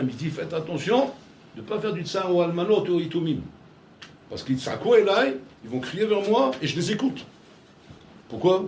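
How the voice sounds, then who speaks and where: Animated rabbi in an echoey room. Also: male voice, on the high side, slight background noise. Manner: storytelling with acted dialogue, swings between loud and hushed. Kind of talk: animated sermon. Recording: echoey room with faint ambience.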